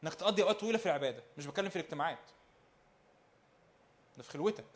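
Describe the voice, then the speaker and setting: High-voiced, fast Egyptian preacher. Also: male voice, expressive. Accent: Egyptian Arabic. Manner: emphatic, repeating phrases, rhetorical questions, swinging between loud and hushed. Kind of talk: sermon.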